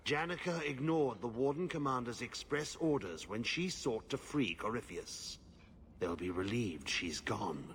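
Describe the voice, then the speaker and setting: An actor playing a weary old male warden who speaks slowly and gravely. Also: mid-range voice, lively intonation, fairly bright tone, a little hiss or hum. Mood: grateful. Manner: slow, solemn, grave.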